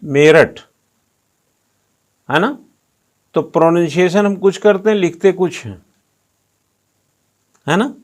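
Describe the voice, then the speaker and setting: A man's voice: high voice, unhurried, pauses often, darkish tone. A male coaching teacher giving a classroom lecture, firing rhetorical questions at students and teasing them while he drills pronunciation.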